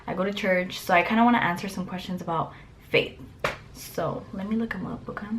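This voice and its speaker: The audio is poor as a young woman from Mexico, Spanish being her first language, answers get-to-know-me questions casually on camera from her bedroom, mic close up. Her voice is fairly low and steady, a little fast, sprinkled with "like" fillers.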